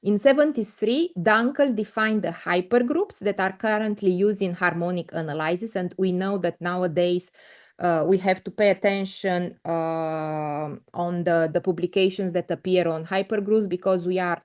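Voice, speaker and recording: A woman's voice: lowish voice, moderate pace, a little mellow. A middle-aged woman from Romania giving an online mathematics lecture over a video call, hesitant with many fillers and restarts. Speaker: invited conference speaker. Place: indoor room, video call. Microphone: laptop mic on video call.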